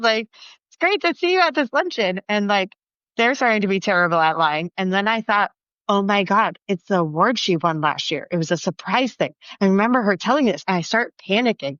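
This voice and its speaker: Young woman teacher telling a story, super animated, lots of "like", dry kinda dull podcast sound. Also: medium pitch, no echo. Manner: animated, acts out quotes with "like" fillers. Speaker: teacher and children's author, podcast guest. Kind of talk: casual storytelling in an interview.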